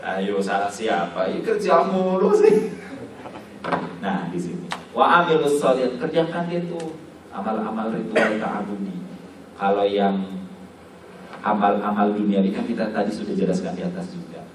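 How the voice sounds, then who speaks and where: A man's voice: lowish voice, animated, normal speed, pauses often, noisy background. A male Islamic preacher, giving a joking, storytelling sermon that acts out little scenes. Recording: echoey hall, voice from far off.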